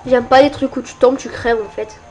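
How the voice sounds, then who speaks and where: A woman giving casual gameplay commentary, excitable and often yelling and cursing at enemies, with faint game music behind. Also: high-pitched, normal speed. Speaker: let's play gamer.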